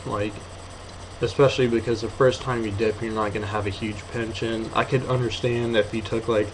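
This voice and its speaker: An eighteen-year-old man giving a casual, rambling, offhand video review in a hesitant, low-key way, talking slightly muffled with a lip full of dip. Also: fairly even intonation, brisk. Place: apartment bedroom. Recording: noisy room sound.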